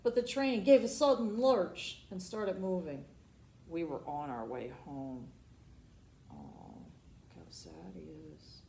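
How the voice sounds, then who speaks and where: A storytime host reads a children's picture book aloud with expressive drama, pausing for asides and questions to her young listeners. Her voice is lowish and gravelly, and the recording has a roomy echo and noticeable background noise.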